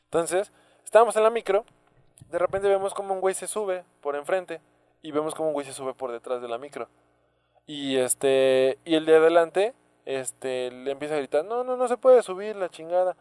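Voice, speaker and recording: A man's voice: a little high, moderate pace, a little mellow, clear, resonant tone, no echo. A young man with a Mexico City Spanish accent, co-hosting a casual podcast chat, slangy and telling anecdotes. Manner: slangy, tells stories, says güey constantly. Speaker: podcast co-host.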